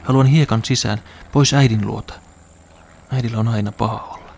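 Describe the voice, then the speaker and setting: A lonely child quietly tells of hiding away, played by a man. The voice is flat and even, with a creaky, gravelly grain at a middling pitch. The telling is dreamy and first-person, in a radio drama. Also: a little hiss or hum, natural voice.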